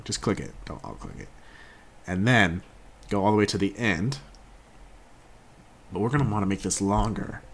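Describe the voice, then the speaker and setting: A young man hosting a casual software tutorial, laid-back and jokey, often correcting himself as he works along. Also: deep voice. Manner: laid-back, jokey, self-correcting, talks while working. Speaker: tutorial host.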